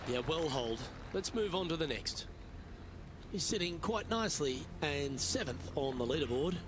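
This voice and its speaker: A man playing a composed golf commentator in a video game, calling play in a polished, measured broadcast style. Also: fairly high pitch, expressive, noisy background, lightly acted. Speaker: golf commentator, lead anchor.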